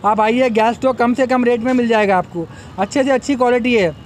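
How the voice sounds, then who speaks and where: A man's voice: very high-pitched, a little fast, a crowd in the background. A young man, an event organizer giving a promotional press statement into a bank of microphones at an outdoor expo, repeatedly urging customers to come. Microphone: bank of press microphones on a table.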